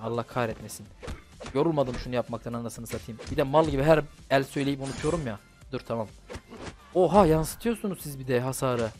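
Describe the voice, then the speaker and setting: A man's voice: mid-range voice, darkish tone. A man giving casual running commentary while playing a mobile fighting game, talking to himself, swearing and venting about the matchups. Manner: talks to himself and the game, swears, frustrated outbursts. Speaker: gaming YouTuber.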